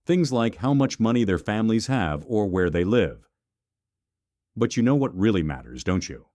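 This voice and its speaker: A man reading the part of a protective father who speaks calmly and firmly. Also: on the low side, normal speed, no room sound. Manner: calm, firm. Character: protective wealthy father, calm and firm.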